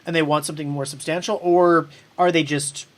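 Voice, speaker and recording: A woman with a deep voice and a steady tone talks a little fast as host of a casual online panel chat about television. Her speech rambles, full of ums and restarts.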